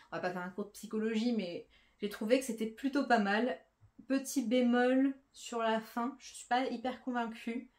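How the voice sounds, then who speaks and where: A woman's voice: medium pitch, a little mellow. Chatty woman reviewing books. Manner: chatty, with frequent fillers and restarts. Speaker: book vlogger. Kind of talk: casual book review.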